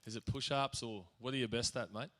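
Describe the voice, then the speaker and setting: A man's voice: mid-range voice, steady tone, fairly quick, bright, forceful tone. Chummy Australian man hosting awards. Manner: chummy, keeps saying "mate". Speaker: master of ceremonies. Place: school hall on stage.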